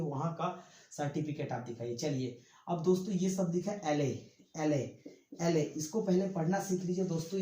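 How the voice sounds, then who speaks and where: A man's voice: a little high, mellow, echoey room, low-quality recording. A male English vocabulary teacher giving an online exam-prep lesson. He writes on a board as he talks, repeats each word and keeps calling the listeners "friends". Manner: talks while writing on a board.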